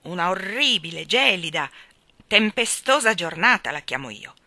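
A woman voicing a blustering old naval admiral who shouts nautical oaths. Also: lowish voice, very animated, normal speed, no echo, exaggerated voice. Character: blustering old seafaring admiral, gruff man.

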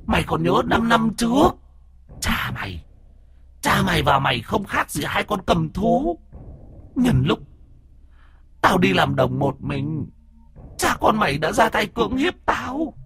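A man's voice: big pitch swings, measured pace, long pauses, a bit bright, a little hiss or hum, heavily acted. A man voicing the vengeful ghost of a murdered young woman, eerie and accusing, in a spoken ghost story. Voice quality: eerie, high and shrieking. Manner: accusing, bitter, at times pleading.

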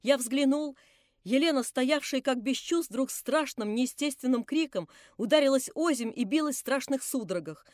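Brief: female audiobook narrator for literary fiction; measured, dramatic, high, dry sound. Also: lively intonation, a little mellow, no room sound. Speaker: audiobook reader. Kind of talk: classic novel narration.

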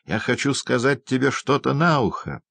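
A man voicing a raving, terrified old male prisoner, bursting out shrill and frantic. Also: very animated, normal speed, creaky, a bit bright, breathy edge, no echo, exaggerated voice. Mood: pleading, frantic. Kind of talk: audiobook character voice.

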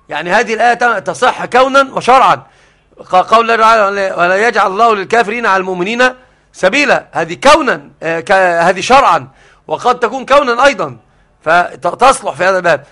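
A man's voice: sits high, pushed and bright. A man teaching a scholarly religious lesson, explaining the text step by step. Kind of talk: scholarly lesson on Quran readings.

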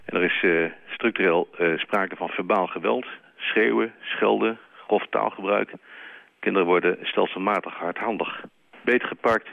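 Brief: man, mayor giving a statement, hesitant, very deep gravelly voice, tinny phone line. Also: steady tone. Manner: halting, with many ums. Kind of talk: official statement.

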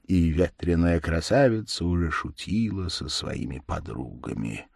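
A man's voice: low-pitched, a little slow, gravelly, breathy edge, dry recording, clean studio sound. A man narrating a story aloud in a dramatic, theatrical reading style. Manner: animated, theatrical.

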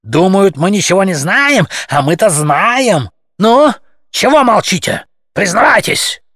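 A fiery male cat demagogue, put on by a male audiobook reader, barking short, sharp accusations in a raised, strident voice. His pitch leaps and swoops with agitation, and the recording is close and dry. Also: sing-song, unhurried, no room sound, full character voice. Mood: furious. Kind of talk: audiobook character voice.

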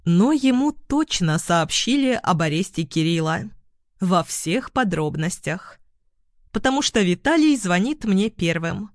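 A woman's voice: lowish voice, sing-song, unhurried, dry recording, studio quality. Woman narrating an emotional audiobook. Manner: emotional, dramatic reading. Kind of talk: first-person audiobook narration.

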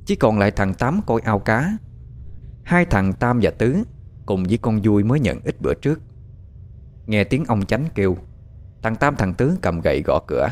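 A man narrating a horror story with a dramatic, animated delivery. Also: on the low side, normal speed, long pauses. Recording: faint background music.

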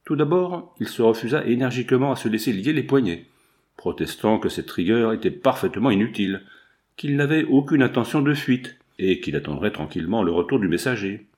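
A man reading a classic adventure novel aloud as an audiobook narrator, measured and even. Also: lowish voice. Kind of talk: scripted narration.

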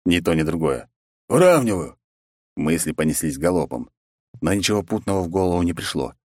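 A man's voice: fast talker, dry recording, clean studio sound. A man narrating a first-person story as an audiobook, voicing the characters in between. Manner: reads first-person story, raises pitch for characters' lines. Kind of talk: scripted narration with voiced dialogue.

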